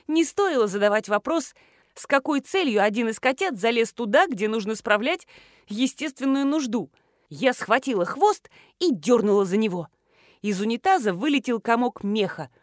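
Expressive audiobook narrator, woman, animated and bright in pitch. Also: no echo, clean studio sound. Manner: expressive, dramatic.

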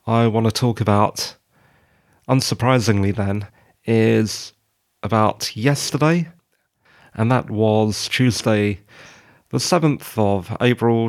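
Slow, croaky British man podcasting. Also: medium pitch. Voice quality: croaky, froggy just-woken voice. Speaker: podcast host. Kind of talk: solo podcast monologue, informal. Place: quiet study at home.

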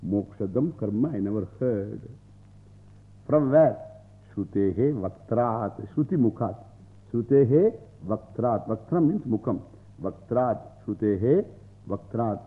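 South indian guy, swami giving a scripture lecture, repeats phrases a lot, sounds like its over a phone line. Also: mid-range voice. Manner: repeats phrases, explains word by word, argues with rhetorical questions. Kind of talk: scriptural lecture with Sanskrit quotations explained in English.

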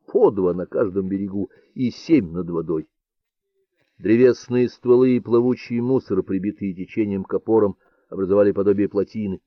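A man narrating an audiobook in a calm, measured storytelling manner. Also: on the low side, no room sound, muffled recording. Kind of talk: scripted narration.

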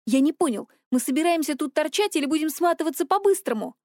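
A woman's voice: high voice, expressive, quick pace, a little mellow, no room sound, clean studio sound. A woman voicing a scornful young man who hisses with icy contempt. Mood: contemptuous. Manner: hissing, contemptuous.

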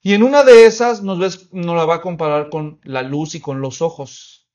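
A man preaching an expository sermon in a fairly high voice. He asks the congregation questions and answers them himself, and acts out little scenes with quoted voices. The recording sounds slightly dull and muffled. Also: moderate pace, darkish tone. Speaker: pastor.

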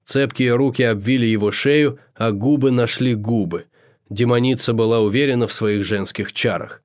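A man reading an audiobook in measured, expressive scripted narration. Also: mid-range voice.

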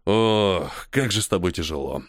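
A man's voice: medium pitch, sing-song, normal speed, no room sound, studio quality, lightly acted. A man reading an audiobook and voicing a stern, ironic army colonel who scolds his subordinate with weary irritation. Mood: irritated. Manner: sarcastic, commanding, weary sighs. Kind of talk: audiobook character voice.

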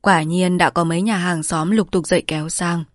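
A woman host reading a novel aloud in measured, polite scripted narration. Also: fairly low pitch, fairly even intonation, no echo, clean studio sound. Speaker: audiobook narrator.

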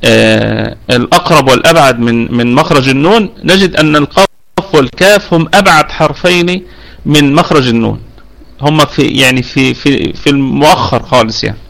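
A man's voice: mid-range voice, brisk, vocal fry, fairly bright tone. A man with an Egyptian accent, patiently explaining Quran recitation rules in an online lesson, slipping between colloquial and formal speech. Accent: Egyptian Arabic.

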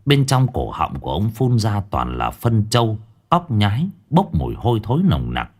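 A man tells a ghost story in a husky, lowish voice. His pitch swoops dramatically, and faint music plays under the narration. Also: wildly swooping pitch, moderate pace, a little mellow.

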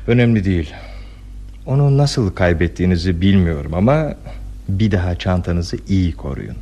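An actor playing a polite, reserved, honest stranger in a classic radio play. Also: male voice, low-pitched, expressive, moderate pace, mellow, dull audio. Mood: modest, polite. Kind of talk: 1960s Turkish radio theatre acting.

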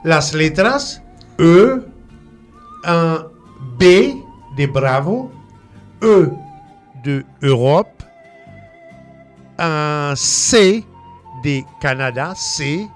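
French-native male teacher, slow and deliberate, fairly high voice, letter-by-letter drills, faint music bed. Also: lively intonation. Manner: slow, repeats letters and words for pronunciation drills. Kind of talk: radio French lesson.

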